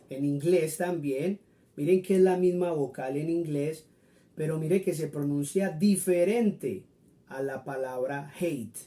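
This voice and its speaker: A man's voice: a little high, dark tone. A man teaching a friendly Spanish lesson, patiently explaining and repeating example words for his viewers.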